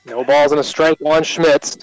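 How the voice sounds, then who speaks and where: A man with an American accent calling live baseball play-by-play on the radio in short, measured announcer phrases. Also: fairly high pitch, steady tone, clean tone, no room sound, soft background music, poor audio.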